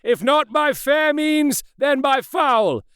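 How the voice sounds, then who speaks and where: A man's voice: very high voice, animated, slow, fairly bright tone, no room sound, studio quality, voice pushed up, heavily acted. A man voicing a stern middle-aged male lawyer in an audiobook, speaking in a raised, commanding voice. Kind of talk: audiobook character reading.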